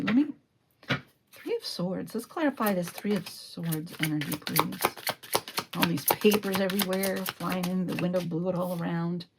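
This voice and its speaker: A woman giving a solo tarot reading, reflective and lingering over each card, sometimes slipping into a breathy whisper. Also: lowish voice, a little mellow, a little hiss or hum. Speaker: tarot reader.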